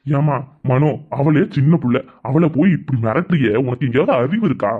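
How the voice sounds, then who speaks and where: A woman's voice: extremely low pitch, brisk, breathy edge, voice pushed down. A woman voicing a stern middle-aged village husband who reproaches his wife, speaking. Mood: scolding. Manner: scolding, reproachful. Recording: tinny phone-like audio.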